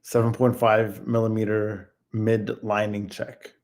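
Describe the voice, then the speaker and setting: A man's voice: on the low side, completely flat delivery, measured pace, darkish tone. A man co-hosting a casual live Q&A, reading viewer questions aloud in an easygoing way.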